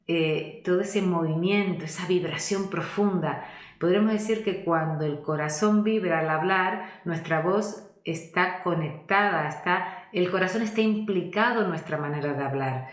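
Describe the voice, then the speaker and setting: A woman voice coach, teaching in a thoughtful way, often pausing to search for words and inviting the listener to reflect. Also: fairly low pitch. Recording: echoey room.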